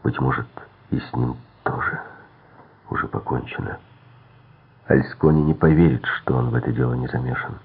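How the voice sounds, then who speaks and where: A man narrating a thriller audiobook in a measured, steady manner. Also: a bass voice, creaky, husky. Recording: tinny phone-like sound.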